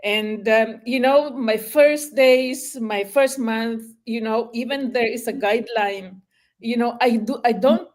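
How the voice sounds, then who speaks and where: Shy, slow-talking older woman. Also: fairly high pitch. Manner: hesitant, many fillers. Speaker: retired nurse giving a testimony. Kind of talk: shy personal testimony.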